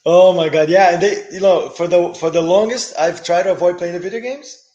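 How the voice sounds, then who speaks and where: A middle-aged man who grew up in Brazil, guest in a casual interview, relaxed and enthusiastic with hesitant restarts. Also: high-pitched, brisk, lo-fi sound. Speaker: guest, business owner.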